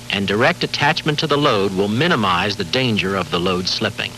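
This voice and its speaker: A man giving formal, measured scripted narration for a safety training film, heard from a worn VHS tape copy with faint hiss and hum. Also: lowish voice, bright, forceful tone, poor audio. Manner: measured, formal, authoritative delivery.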